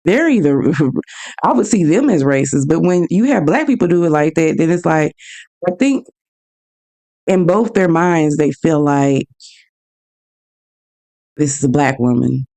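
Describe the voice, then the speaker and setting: A woman hosting her own show, telling personal stories in a frank, animated way and acting out both sides of each exchange. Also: deep voice, unhurried. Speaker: podcast host. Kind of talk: casual personal storytelling.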